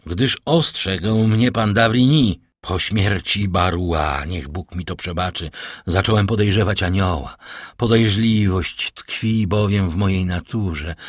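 A man's voice: deep voice, breathy edge, no echo, clean studio sound. A man voicing a cold, menacing prosecutor. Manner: icy, cutting, slow and menacing. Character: cold stern male prosecutor, middle-aged husband. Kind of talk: audiobook character voice.

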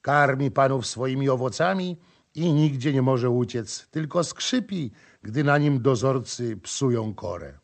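A man's voice: mid-range voice, expressive, unhurried, creaky. A man voicing a proud, cheerful boatman who boasts and jeers in an audiobook. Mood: boastful. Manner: boastful, mocking laughter.

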